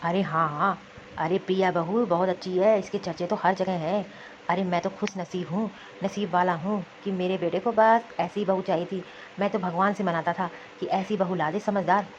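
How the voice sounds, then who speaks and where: A woman voicing a fond, easygoing middle-aged brother in an animated cartoon, chatting affectionately. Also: on the low side, moderate pace, highs cut off, a little hiss or hum, lightly acted. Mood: pleased.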